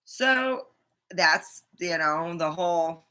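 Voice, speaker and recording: A woman's voice: fairly low pitch, lively intonation, slow, sharp tone. A middle-aged American woman chatting casually to the camera in a rambling, blunt way with plenty of swearing. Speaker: vlogger.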